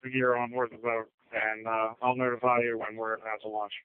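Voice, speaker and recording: A man's voice: on the low side, flat delivery, fairly quick, smooth, dry recording. A man on a rescue unit talking in clipped, procedural phrases over a two-way emergency radio, with a narrowband transmission sound. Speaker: responding rescue unit member.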